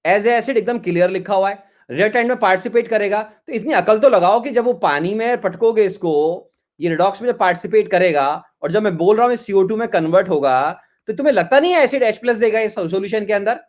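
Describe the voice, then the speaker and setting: A man's voice: high-pitched, a little fast. A middle-aged man teaching chemistry in a live online class, scolding students over their chat messages in an exasperated, repetitive way. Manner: scolding, exasperated, repeats insults.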